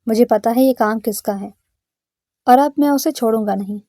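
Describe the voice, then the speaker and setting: A woman voicing a stern, protective young man who is quick to anger, speaking firmly. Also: a little high, mellow, dry recording, clean studio sound. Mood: stern, angry. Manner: firm, threatening delivery.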